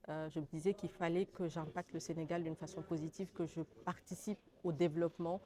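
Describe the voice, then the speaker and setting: A woman's voice: on the low side, fairly even intonation, a little fast, warm tone. A woman in her thirties from Senegal giving an interview testimonial, earnest and hesitant with many fillers.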